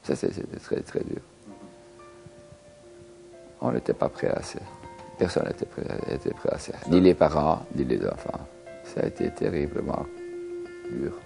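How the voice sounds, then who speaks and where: An older man slowly recalls a painful separation, his voice fading to near whisper. His voice is extremely deep and gravelly. Faint music plays beneath. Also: mellow. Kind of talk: recalled testimony.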